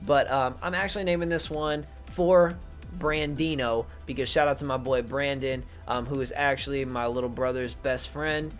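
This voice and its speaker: A man's voice: medium pitch, steady tone, moderate pace, faint music behind. A young man casually rambling through his picks for an online league, swearing offhand and filling gaps with "um" and "uh". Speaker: YouTuber talking through his league draft. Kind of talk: casual unscripted commentary to camera.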